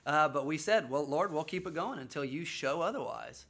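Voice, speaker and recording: A man telling, in a casual conversational way, how his family chose to follow a calling, speaking earnestly with halting restarts. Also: on the high side, lively intonation, creaky, fairly bright tone. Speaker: father sharing a family's mission call.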